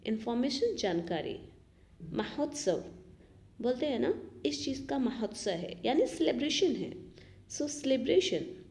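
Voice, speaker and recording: A woman's voice: fairly high pitch, sing-song, measured pace, darkish tone. A woman teaching English vocabulary in Hindi, patiently saying each word and repeating it before giving its meaning. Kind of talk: slow vocabulary lesson, word by word.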